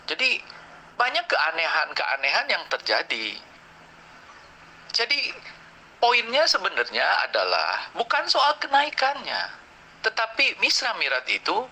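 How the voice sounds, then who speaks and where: A man's voice: pushed and bright, a little hiss or hum, poor audio. A man arguing a religious point in a voice-chat debate, lecturing and challenging his opponent. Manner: lecturing, challenging, rising pitch when pressing a point.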